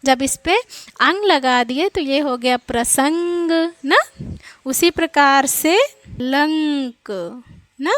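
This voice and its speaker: A woman with a high voice teaching a children's grammar lesson. She speaks slowly and patiently, repeating each example word. The sound is dry and close. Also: fairly bright tone, no room sound. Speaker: Hindi teacher.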